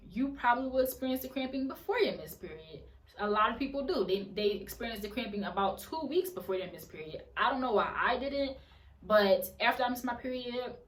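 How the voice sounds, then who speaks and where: A woman's voice: mid-range voice, distant mic. A woman giving casual advice in a vlog, chatty and repeating phrases for emphasis. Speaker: vlogger. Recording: roomy echo, voice away from mic.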